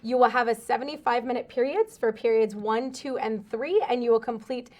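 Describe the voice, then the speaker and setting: A woman's voice: fairly high pitch, brisk, a little mellow, dull audio. A woman giving an informal school announcement, explaining things step by step and addressing students directly.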